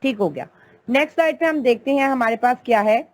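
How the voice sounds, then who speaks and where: A woman's voice: fairly high pitch, quick pace. A woman teaching an online English grammar class, explaining patiently step by step and calling her students "beta".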